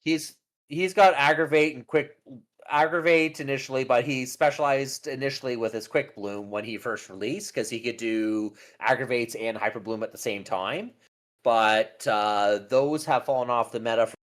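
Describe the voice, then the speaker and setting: A man's voice: mid-range voice, a bit bright. Man whose voice keeps cutting out. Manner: halting, restarts mid-sentence. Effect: voice cutting in and out over an online call. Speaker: podcast co-host. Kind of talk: casual chat about game characters. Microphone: online voice call.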